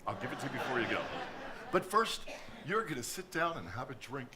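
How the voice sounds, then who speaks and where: An actor playing a flirtatious, pushy Hollywood producer in a stage play. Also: male voice, mid-range voice, brisk, slight background noise. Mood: charming. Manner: coaxing, lively, exuberant.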